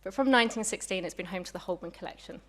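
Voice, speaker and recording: A woman's voice: medium pitch, very fast. A young woman, a museum curator, giving a public lecture in a chatty, friendly way, a little out of breath. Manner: warm, chatty, apologetic asides. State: slightly out of breath.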